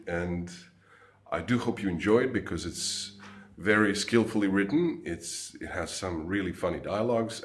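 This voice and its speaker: A middle-aged man from Croatia, a comic artist speaking casually to camera from his studio, with halting speech and many fillers. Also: sits low, reverberant. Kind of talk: casual video message. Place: home studio.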